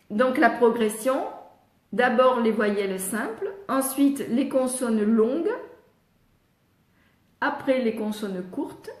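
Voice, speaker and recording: An older woman with a French accent, a speech therapist answering live questions, patiently sounding out letters and syllables and pausing often to read viewers' questions. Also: a little high, a little mellow, roomy sound. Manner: reads viewers' questions aloud, frequent hesitations. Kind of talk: live Q&A teaching.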